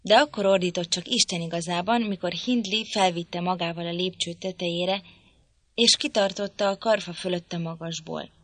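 A woman narrating an audiobook in a calm, measured storytelling voice. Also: fairly low pitch, no room sound. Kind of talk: scripted narration.

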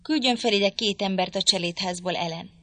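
A woman voicing a stern, indignant gentleman husband, speaking stiffly and reproachfully in an audiobook reading. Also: mid-range voice, natural voice.

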